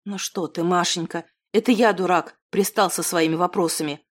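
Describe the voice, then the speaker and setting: Lady doing a lower voice for a self-mocking guy of thirty, a failed artist, fumbling. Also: steady tone, moderate pace, lightly acted. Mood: soothing. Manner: self-deprecating, fumbling, then heated.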